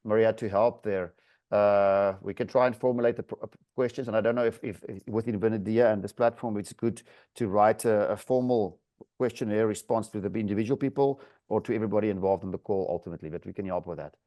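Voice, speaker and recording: A man's voice: lowish voice, fast, dark tone. A man speaking as a webinar panelist, hesitating and repeating words as he closes his remarks. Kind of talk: discussion on a video call. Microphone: video call.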